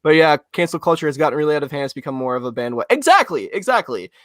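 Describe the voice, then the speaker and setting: Lively, opinionated young man. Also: on the high side, very fast, dry recording, clean studio sound. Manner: opinionated, earnest. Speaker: podcast co-host. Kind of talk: casual podcast chat.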